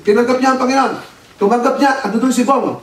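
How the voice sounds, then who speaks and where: A man preaching as pastor, telling a story in an animated way and mixing in English words. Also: very high voice, fast talker. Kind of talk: sermon. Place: church hall. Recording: echoey hall, distant mic, noisy.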